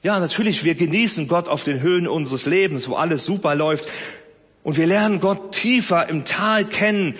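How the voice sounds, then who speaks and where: A man preaching a sermon, swinging between loud emphasis and soft, close speech. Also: a little high, moderate pace, husky, in a large hall. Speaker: pastor.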